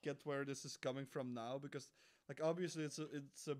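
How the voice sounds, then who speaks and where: A man's voice: medium pitch, fairly even intonation, a little fast, a little mellow. A young man co-hosting a casual podcast chat, rambling with restarts and casual swearing. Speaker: podcast co-host. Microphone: home computer mic.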